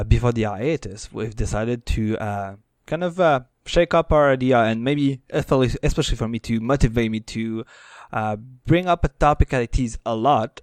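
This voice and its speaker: A man co-hosting a casual podcast, speaking in halting, hesitant phrases. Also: mid-range voice, dry recording, clean studio sound. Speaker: podcast co-host.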